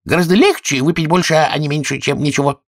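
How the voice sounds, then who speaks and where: A man's voice: on the high side, fast talker, no room sound, studio quality, pitched above the performer's own voice. Hatter, a man doing a teasing mad hatter. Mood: mocking. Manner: cheeky, needling. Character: mocking, argumentative male hatter.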